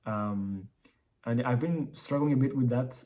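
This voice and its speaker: Mellow-voiced man speaking with braces. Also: medium pitch, a little slow. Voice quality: slightly impeded articulation from wearing braces. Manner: rambling, repeats and restarts words. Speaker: entrepreneur vlogger. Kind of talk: casual business update vlog.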